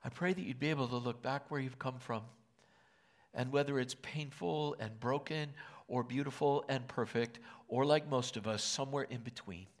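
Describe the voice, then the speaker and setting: An older man as pastor, preaching and praying earnestly, with emotion and often dropping to a hush. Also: medium pitch, normal speed. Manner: earnest, emotional, drops to hushed whispers. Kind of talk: sermon and prayer. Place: church auditorium.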